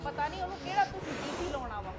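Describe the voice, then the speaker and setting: A sharp-tongued older grandmother, acted by a woman, nags and scolds her household in a fairly high voice. Soft music plays faintly under this family drama. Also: expressive, racing. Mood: nagging. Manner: scolding, nagging. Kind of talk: web-series family drama acting.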